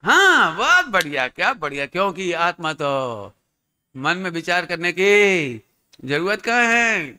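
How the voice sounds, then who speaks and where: A man's voice: high-pitched, very animated, unhurried, sharp tone, clear, resonant tone. A man preaching a sermon as a pandit, teacherly and quizzing his listeners.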